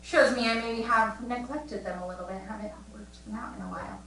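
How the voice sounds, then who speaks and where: Young female fitness instructor, winded, upbeat coaching cues; slightly high voice, roomy distant mic. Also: a little fast, fairly bright tone, slight background noise. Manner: upbeat encouraging coaching, counting down. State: out of breath. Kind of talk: live fitness class cues. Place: room at home. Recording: echoey room, mic at a distance.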